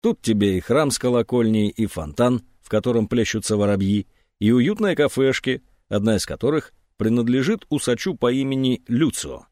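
A man narrating an audiobook in an expressive reading. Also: medium pitch, normal speed, dry recording, clean studio sound. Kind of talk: scripted narration.

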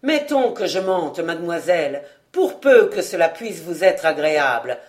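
A woman reading aloud, voicing an insolent male valet who speaks calmly and mockingly. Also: lowish voice. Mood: menacing. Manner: mocking, unhurried, calm.

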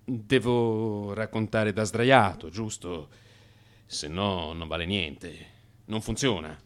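An actor with a fairly low voice performs a theatrical radio monologue as an anxious, defensive office worker who can't sleep. Uneasy and fussy, he sounds agitated and halting while justifying himself.

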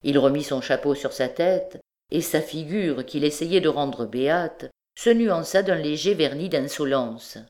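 A woman narrates an audiobook of a classic novel with steady, expressive storytelling. Her voice sits low for a woman, calm and even. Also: a little slow. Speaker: audiobook reader.

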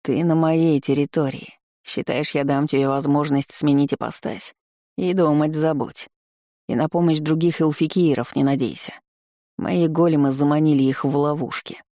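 A cold gray-faced elf lord taunts his rival in a slow, gloating drawl, as a storyteller puts him on. The voice sounds warm and mellow. It is recorded close and dry for an audiobook reading. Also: mid-range voice, fairly even intonation, no room sound, natural voice. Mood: menacing.

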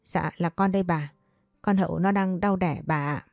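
A woman's voice: on the low side, normal speed, darkish tone, no room sound, studio quality, lightly acted. A woman voicing a young servant girl who talks in a curt, scolding way. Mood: irritated, urgent.

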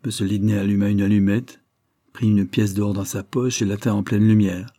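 A man narrating a classic novel as an audiobook, in a steady reading manner. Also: fairly low pitch, normal speed, no echo, clean studio sound. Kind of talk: scripted narration.

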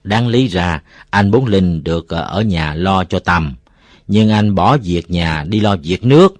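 A man voicing a cheerful middle-aged farmer who speaks to his neighbors loudly and courteously, in a folksy way. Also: low voice, lively intonation, unhurried, dry recording. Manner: loud, courteous, folksy speech.

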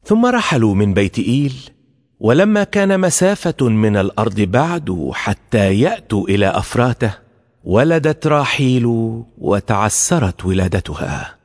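A man giving a formal scripture reading with a measured, solemn delivery. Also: medium pitch, sing-song, a little mellow. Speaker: scripture reader. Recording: long hall reverb.

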